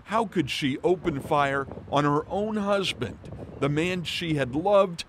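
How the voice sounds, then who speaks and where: A man narrating a television news report in a measured broadcast delivery. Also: fairly high pitch, animated, a little hiss or hum.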